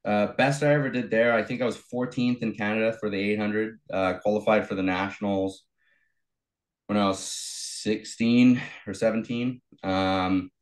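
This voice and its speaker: Low-voiced young man, relaxed and chatty. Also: normal speed. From South Africa. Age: young adult. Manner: relaxed storytelling with many fillers. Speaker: guest, bodybuilder and coach. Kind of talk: casual interview.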